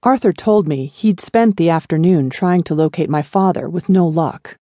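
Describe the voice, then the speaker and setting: A woman narrating a first-person memoir audiobook in a measured, even storytelling manner. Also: lowish voice, no room sound.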